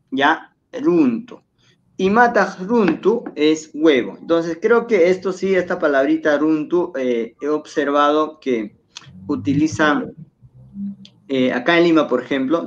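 A man's voice: on the high side, dull audio. A man teaching a televised language lesson, patiently explaining and repeating words for pronunciation.

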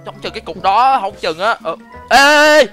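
A young man hosting a game video, chatting playfully in role and excitedly repeating words. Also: sits high, moderate pace, faint music behind. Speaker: gaming channel host.

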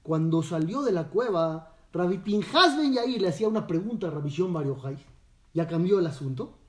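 High-voiced rabbi telling a story. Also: male voice, expressive, a little fast. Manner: storytelling, asks listeners questions. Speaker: rabbi teaching a class. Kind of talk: Torah lesson. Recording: echoey room, distant mic.

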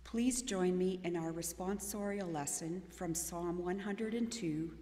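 A woman leading a responsive psalm and reading scripture aloud in a church service, in a measured way. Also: on the low side, dark tone. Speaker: scripture reader. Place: church sanctuary. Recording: echoey church hall reverb.

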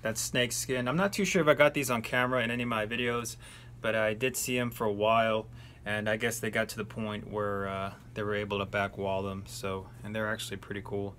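A man in a relaxed, chatty recap to camera, joking at his own slips, sitting in a vehicle. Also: lowish voice, brisk, slight background noise. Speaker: sneaker reseller vlogger.

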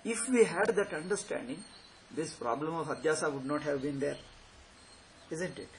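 A man's voice: fairly high pitch, normal speed. A man in his sixties with a South Indian accent, giving an informal spiritual lecture in a didactic, repetitive, questioning manner. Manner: didactic, repeats phrases and poses questions. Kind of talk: informal explanatory lecture on scripture with Sanskrit terms. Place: small plain room indoors. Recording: noisy amateur home recording.

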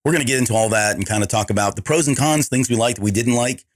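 A man hosting a podcast, talking in a hoarse voice with a loose, rambling, self-correcting manner. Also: mid-range voice, quick pace, no echo, clean studio sound. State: hoarse from allergies. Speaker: podcast host. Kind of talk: casual podcast chat.

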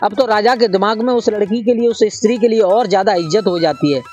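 A man's voice: high voice, brisk, a little mellow. A man telling a folk tale in a homely way, calling his listeners brother. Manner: folksy, addresses listeners as brother. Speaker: storyteller. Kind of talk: folk storytelling.

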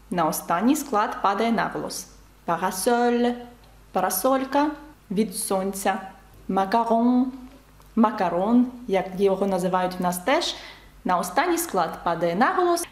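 A woman's voice: mid-range voice, echoey room. A woman teaching a beginners' French lesson, explaining with emphasis and repeated examples.

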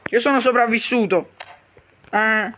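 Man, very high voice, bright and sharp, comedic game role-play, quick bickering. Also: a little hiss or hum. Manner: quick bickering, swearing, shouty outbursts. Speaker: YouTuber voicing all characters.

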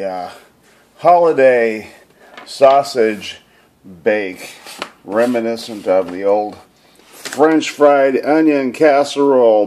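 Home cook, male, very unhurried and folksy, narrating his own kitchen video. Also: on the low side, a little mellow, slight background noise. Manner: rambling, folksy, many fillers. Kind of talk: casual cooking narration.

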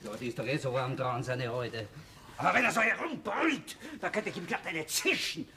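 An actor playing an aggrieved middle-aged Austrian police subordinate grumbling colloquially in a TV crime drama. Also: male voice, on the high side, normal speed, natural voice. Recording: very noisy old television soundtrack.

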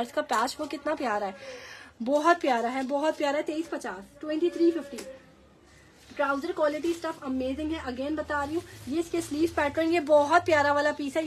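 A woman with a Pakistani Urdu accent and a sore, hoarse throat, chatting enthusiastically as she sells clothes on a live stream and keeps repeating the prices. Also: sits high, a little hiss or hum. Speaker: online clothing seller. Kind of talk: live-stream sales pitch.

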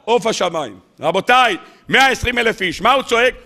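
A man, a rabbi, gives a weekly sermon to a live audience. He asks lively rhetorical questions and acts out the stories with humor. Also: very high-pitched.

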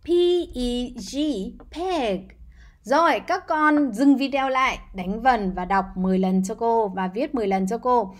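Speaking a little slowly in a voice on the high side, a woman teaches young children English words. Each one gets spelled out letter by letter, and she gently urges the kids to say it back in this patient, unhurried lesson.

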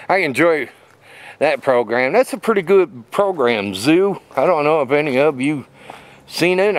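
Slow-talking man rambling on a trail walk. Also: on the high side. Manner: rambling, lots of fillers and restarts; walking while talking. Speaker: vlogger. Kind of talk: casual rambling chat. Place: outdoors on a wooded trail. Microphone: phone camera held at arm's length.

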